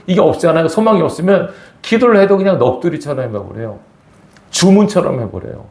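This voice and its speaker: A man's voice: on the high side, vocal fry, a little mellow, roomy sound. A man preaching a sermon as pastor, talking to the congregation in a conversational, emphatic way and asking rhetorical questions. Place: church sanctuary.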